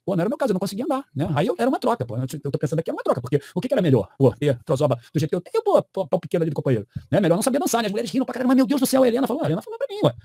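A man's voice: high-pitched, big pitch swings, rapid-fire, hardly any pauses, warm tone, slightly rough, dry recording. A middle-aged man, telling a crude story in a casual, profane way and acting out the other people in it. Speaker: channel host.

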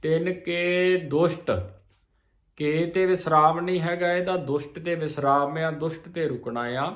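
Male recitation teacher, slightly high voice, drawn-out teaching delivery, echoey room. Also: fairly even intonation, fairly bright tone. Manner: chants each verse slowly, then explains pauses and pronunciation. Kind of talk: slow line-by-line recitation lesson.

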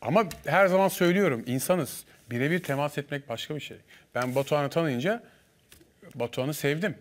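Fast, fairly high-voiced man guest on a studio panel, animated storyteller. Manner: lively anecdote-telling, acting out dialogue. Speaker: guest, former contestant.

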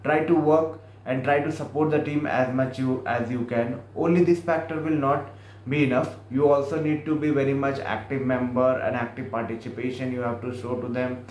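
A man's voice: medium pitch, fairly even intonation, moderate pace, darkish tone, roomy sound, poor audio. A young man with an Indian English accent giving rambling, repetitive career advice to the camera in a small office room, slipping in Hindi phrases. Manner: rambling, repeats himself, mixes in Hindi phrases. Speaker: career vlogger. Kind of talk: casual career advice monologue.

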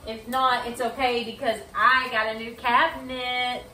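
Bright-voiced woman chatting while cooking. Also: fairly high pitch, flat delivery, unhurried, a little hiss or hum. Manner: chatty, explains steps as she cooks. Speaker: cooking show co-host. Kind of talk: casual home cooking chat. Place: home kitchen, indoors. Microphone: far camera across the room. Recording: echoey kitchen from far off.

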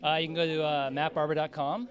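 A man's voice: on the high side, little pitch movement, quick pace, a crowd in the background. Man in his 30s, co-director, casual joking red carpet chat, handheld mic. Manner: chatty, joking, many fillers. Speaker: music video co-director. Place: festival press wall, indoors. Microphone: handheld interviewer mic.

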